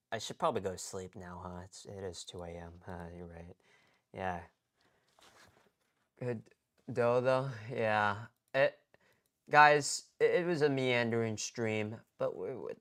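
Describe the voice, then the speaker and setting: A man talks his way through a late-night live stream from home, his voice sitting a little low and coming across smooth and clear. He rambles in casual slang, repeating words and restarting his sentences as he goes. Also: fairly bright tone. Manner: rambling, slangy, self-interrupting.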